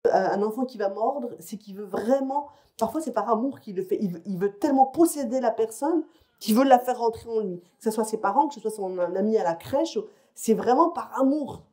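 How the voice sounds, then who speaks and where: In a lecture hall or conference room, a woman psychologist gives parents a talk, explaining in a chatty way and regularly checking in with them. She sounds brisk and animated, her mellow voice on the high side.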